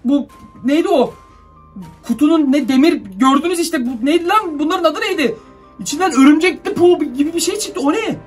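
A young male YouTuber, very high-pitched and brisk, films an excited horror-drone vlog from a distant mic. He's frightened and jittery, nervously telling viewers about a strange sight and muttering commands at the drone as light music plays.

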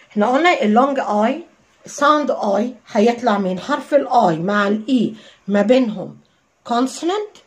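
A woman with a fairly high voice teaches a beginner phonics lesson. She sounds out each word letter by letter and then blends it, and she keeps asking questions and answering them herself. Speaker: English teacher.

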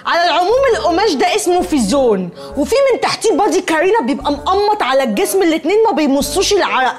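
A woman's voice: sits high, sing-song, rapid-fire, faint music behind. An actress playing a cheeky, chatty young woman who wheedles and needles her cousin in Egyptian Arabic. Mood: wheedling. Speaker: cousin, comic film character. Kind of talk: Egyptian comedy film acting.

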